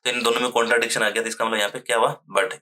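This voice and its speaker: A man teaching a grammar lesson at a whiteboard, asking questions and answering them himself, with frequent fillers and throat clearing. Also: medium pitch, flat delivery, sharp tone. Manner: fills pauses with a repeated "okay" and "friends"; clears his throat now and then.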